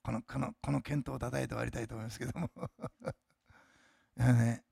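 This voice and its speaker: A man's voice: medium pitch, fairly even intonation, normal speed, vocal fry, dark tone, no echo, clean studio sound. A male pastor giving a casual, chatty sermon that turns into fervent, commanding healing prayer in a church. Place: church sanctuary.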